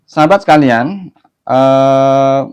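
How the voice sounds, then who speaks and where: A man teaching Quran recitation online, explaining patient steps and then chanting verses slowly in a melodic tone. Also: mid-range voice, darkish tone, clean tone. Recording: dull lo-fi audio.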